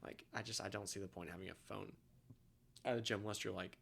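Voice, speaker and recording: A young man talking casually as a podcast guest, opinionated, often trailing off quietly at the end of a point. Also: on the low side, steady tone, fast, creaky, slight background noise.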